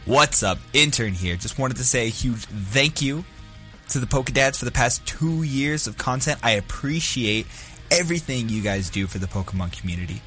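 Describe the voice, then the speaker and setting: A man's voice: medium pitch, expressive, moderate pace, sharp tone, faint music behind. A man, the show's intern, reading an earnest, upbeat thank-you message to the hosts. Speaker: podcast intern.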